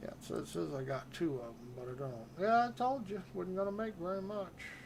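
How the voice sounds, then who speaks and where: Male streamer, slightly high voice, casual rambling commentary with jokey asides. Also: a little fast, creaky, background noise. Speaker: live streamer.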